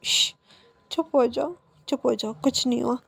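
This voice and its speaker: A woman voicing a stern mother who softens and gently hushes her grown son. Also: high-pitched, normal speed, vocal fry, husky, exaggerated voice. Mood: hushing. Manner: gentle, hushing.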